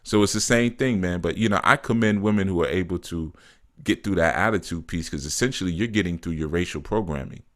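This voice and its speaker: A man with a very low voice talks loosely on a live stream, reading out viewers' comments and answering each one. He laughs often and drops "you know" and "man" into his sentences. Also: fairly quick. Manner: reads viewer comments aloud and answers them. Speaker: spiritual teacher answering live chat.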